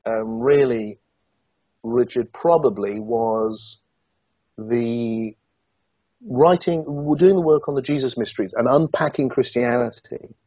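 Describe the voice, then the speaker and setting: Husky middle-aged guy from somerset, stop-start reflective chat, dry dull sound. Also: mid-range voice, no room sound. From Somerset, England. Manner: hesitant, many restarts, animated when recounting. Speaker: interview guest, author. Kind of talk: reflective interview conversation.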